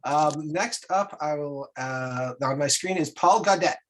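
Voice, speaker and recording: A man with a slightly high voice chairs an online meeting. He gives informal, polite instructions, often halting between phrases. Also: a bit bright. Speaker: meeting moderator.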